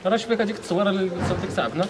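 A young man with a Moroccan accent, answering back quickly and defensively. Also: sits high, lively intonation.

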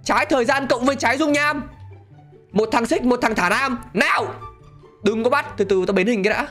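Man, excitable gameplay commentary, laughs a lot, faint music behind. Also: extremely high pitch, brisk. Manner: excitable, laughs often, talks to viewers. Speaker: gaming channel host.

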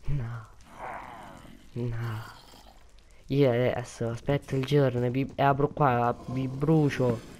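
A man's voice: mid-range voice, flat delivery, takes it slowly, long pauses, darkish tone, slight background noise. A young man giving casual gameplay commentary, chatty and prone to panicked repeated pleading. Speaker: gaming video creator.

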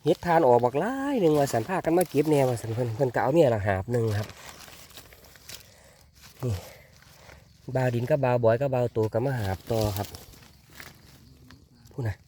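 A man with an Isan Thai accent, narrating a casual foraging vlog in a forest and calling out excitedly to his viewers. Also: medium pitch, moderate pace, long pauses, slight background noise. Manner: excited exclamations, addressing viewers as brothers and sisters. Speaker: foraging vlogger. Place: forest outdoors.

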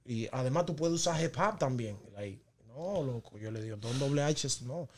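A man's voice: medium pitch, moderate pace. A man with a Dominican Spanish accent, telling stories as a guest in a casual podcast chat. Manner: storytelling, animated when laughing with the hosts. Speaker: guest rapper.

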